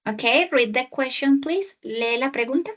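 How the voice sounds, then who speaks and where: Brief: female English tutor on a video call, high voice, unhurried delivery, patient and explanatory. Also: animated, a bit bright. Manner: patient, slow and exaggerated English pronunciation, explaining in Spanish. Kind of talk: online tutoring session.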